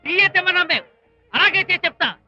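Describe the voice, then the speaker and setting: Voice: extremely high pitch, expressive, a little fast, bright, forceful tone, dry recording, lo-fi sound, faint music behind, heavily acted. A performer playing a fussy guest from the groom's side in a comedy film, bullying a servant. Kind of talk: Telugu film comedy acting.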